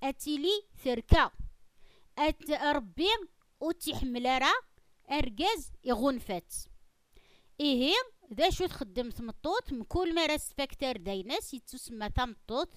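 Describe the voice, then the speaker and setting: A woman speaks with conviction, pressing her argument in an emphatic, opinionated monologue. Her voice sits high and comes through crisp and resonant. The recording is dry and close, with no room sound. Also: lively intonation, normal speed, a bit bright, dry recording. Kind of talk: opinionated monologue on religion and custom.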